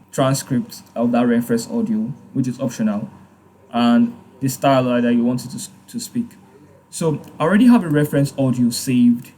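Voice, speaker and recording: A man hosting a casual software tutorial, hesitant, with many fillers and restarts. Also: mid-range voice, slight background noise. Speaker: tutorial host. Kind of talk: casual screen-recorded tutorial.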